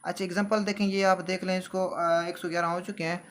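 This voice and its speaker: A man runs a relaxed vocabulary class. He reads long lists of synonyms at an uneven pace and often wanders off into homely asides. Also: high-pitched, slight background noise. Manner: chatty, digressive, drawn-out word lists. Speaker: teacher. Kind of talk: casual vocabulary lesson.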